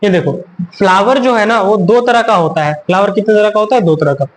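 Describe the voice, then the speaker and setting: A man's voice: sits high, a little fast, rough recording. A man teaching a biology class, asking questions and answering them himself, repeating key terms and mixing in English words. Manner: mixes in English terms and reads English text aloud. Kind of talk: classroom lecture on a recorded video.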